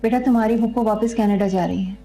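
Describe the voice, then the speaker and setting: An actress as a grave, gentle Pakistani mother. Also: medium pitch, fairly even intonation, fast talker, a little hiss or hum, lightly acted. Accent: Pakistani Urdu. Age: middle-aged. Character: gentle, grave middle-aged mother advising her children. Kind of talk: TV drama acting. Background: background music.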